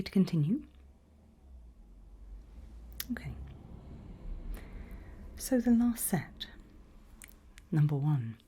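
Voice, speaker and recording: In this ASMR roleplay, a woman plays a calm HR interviewer at an evil organisation who is politely sinister. She speaks in a breathy whisper with soft low murmurs, deliberate and measured, pausing as she goes.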